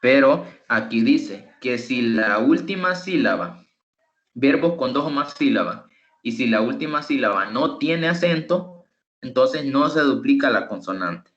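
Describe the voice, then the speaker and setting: A man's voice: mid-range voice, expressive, a little slow, a bit bright. Guy teaching english over a call, patient, checks in a lot, kinda muffled sound. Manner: patient, explaining step by step with frequent "¿verdad?". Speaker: English tutor. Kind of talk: online teaching.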